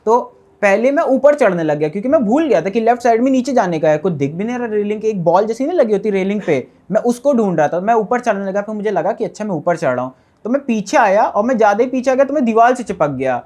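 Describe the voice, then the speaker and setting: A man who survived a fire, giving an earnest, rambling eyewitness account to an interviewer with many fillers. He often drops to a quieter voice as he recounts it. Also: sits high, lively intonation, fast.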